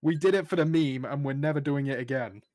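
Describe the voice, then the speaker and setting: A man's voice: mid-range voice, fast talker, crowd noise. A young man hosting a podcast, bantering casually in a jokey, teasing way with his co-hosts. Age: young adult. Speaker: podcast host.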